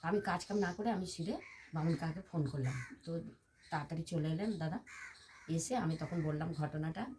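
A woman's voice: deep voice, a little fast, darkish tone, slight background noise. An older woman from West Bengal, a temple devotee, telling her personal story in an interview in an earnest, detailed way. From West Bengal, India. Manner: earnest, detailed recounting with many reported quotes.

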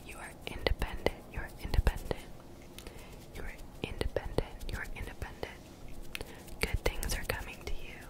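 A woman's voice: normal speed, poor audio. A young woman whispers soothing, repetitive, encouraging ASMR affirmations close to the microphone. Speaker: ASMR video creator. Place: small bedroom, indoors. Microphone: desktop condenser mic, very close.

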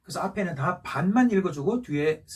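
A man's voice: sits high, animated, fairly quick, darkish tone, slightly rough, distant mic. A male teacher giving a patient recorded lesson, going over each point again and checking in with rising questions. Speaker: Chinese language teacher. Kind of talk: recorded classroom lesson for seniors.

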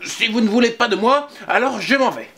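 Sulky little boy, high and pouting, dramatic, indignant, storybook figure, as a man puts him on. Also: animated, brisk, very noisy.

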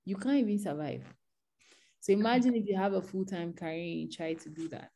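A woman's voice: medium pitch, brisk, dark tone. A woman speaking as a guest on an online tech panel, giving earnest advice and often restarting her sentences.

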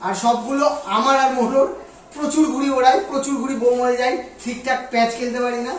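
A man vlogging in a loud, eager voice, with his words booming in a heavy room echo. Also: quick pace, a little hiss or hum. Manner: talks very loudly, eager and excited. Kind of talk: casual vlog talk to camera. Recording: very echoey room, voice from a distance.

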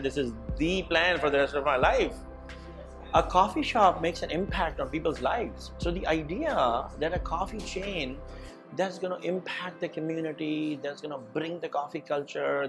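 A middle-aged man from Pakistan, a cafe owner, talking energetically in an interview and mixing Hindi-Urdu with English. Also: fairly high pitch. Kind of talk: sit-down interview. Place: indoor studio set with dark wall.

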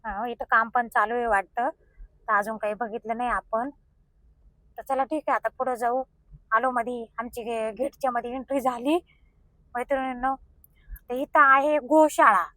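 Bright high-voiced village woman vlogging. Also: steady tone, moderate pace, long pauses, dry recording. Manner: coaxing, sing-song talk to cows. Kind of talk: casual vlog narration. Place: cow shelter, outdoors.

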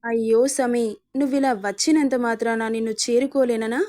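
A woman's voice: a little high, fairly even intonation, moderate pace, mellow, natural voice. A woman reading a storybook, voicing a cruel and mocking young husband with a menacing, taunting manner. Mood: leering.

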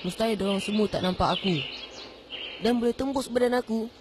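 A woman's voice: a little high, brisk, background noise, natural voice. A woman voicing a bewildered lost boy. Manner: pleading, talking to himself. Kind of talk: amateur voice drama. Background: music.

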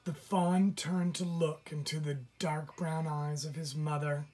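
A man, a teacher, reading a children's picture book aloud to his class in a deliberate, unhurried way. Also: on the high side, level tone, darkish tone. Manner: slow, deliberate storybook reading.

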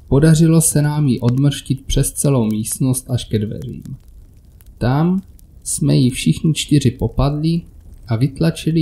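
A man narrating a first-person horror story in a measured, scripted storytelling delivery. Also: medium pitch, dark tone.

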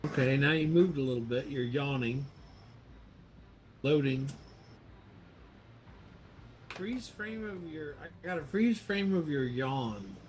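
A man streaming from his home computer, talking in a halting, muttered running commentary as his video call keeps freezing, mildly frustrated and swearing now and then. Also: mid-range voice, animated, a little hiss or hum. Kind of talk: casual live-stream chat.

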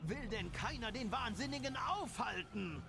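A man's voice: very high voice, lively intonation, measured pace, creaky, full character voice. An actor playing a frightened male monk who stammers and pleads nervously, in game audio. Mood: fearful. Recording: game audio with music underneath.

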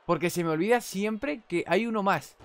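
A young man with a Spanish accent commentating on a wrestling video game. He chats casually and shouts at big moves. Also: high-pitched, normal speed. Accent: Spain Spanish. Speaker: gameplay commentator.

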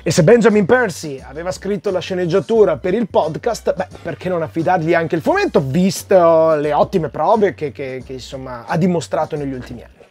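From a small indoor room stocked with comics, a forties-aged reviewer talks his audience through a comic in a conversational, chatty way, music behind him. His voice runs on the high side, expressive and a little mellow, fairly quick with few pauses.

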